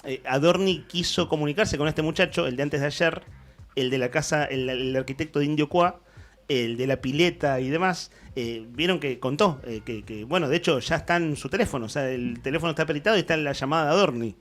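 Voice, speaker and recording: A morning radio host speaks briskly in a fairly high-pitched voice with an Argentine Spanish accent. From the studio, he comments on the news in a meandering way, frequently restarting.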